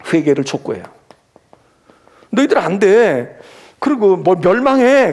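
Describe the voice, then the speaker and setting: A male pastor giving an animated sermon that he teaches through rhetorical questions. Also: high-pitched, gravelly. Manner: animated, acts out scolding and comforting voices; asks the congregation rhetorical questions.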